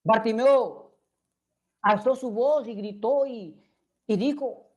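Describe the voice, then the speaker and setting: A woman preaching a sermon with a high, light voice. She speaks earnestly and keeps putting direct questions to her listeners. She retells scripture scenes in a steady teaching tone. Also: takes it slowly, lo-fi sound.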